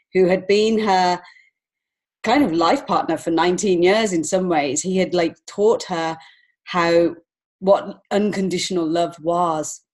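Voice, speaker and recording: A woman from England with an English accent, a children's author and illustrator, is interviewed conversationally as a podcast guest. She sounds reflective and earnest, with a mid-range, slightly mellow voice.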